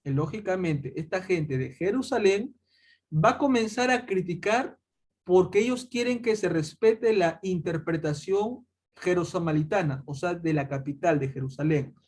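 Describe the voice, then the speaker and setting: Man, Bible teacher, high voice, explaining with rhetorical questions. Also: animated, normal speed, darkish tone. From Peru. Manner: addresses listeners as "chicos", asks rhetorical questions.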